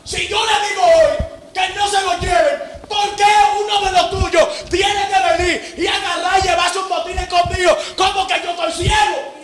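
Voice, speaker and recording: A stern God scolds and lectures in a blunt street tone. A male preacher puts him on, his voice pitched very high. A congregation murmurs faintly behind. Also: normal speed, a bit bright, reverberant, a faint crowd, slight background noise. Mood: indignant.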